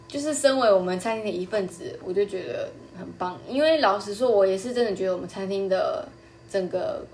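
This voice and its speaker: A young woman hosts her own podcast, talking quickly in a chatty, animated way. Her voice sits at an ordinary middle pitch, and a faint hiss of background noise runs under it. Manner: chatty, quick and animated, acting out customers' lines. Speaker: podcast host. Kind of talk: casual storytelling monologue.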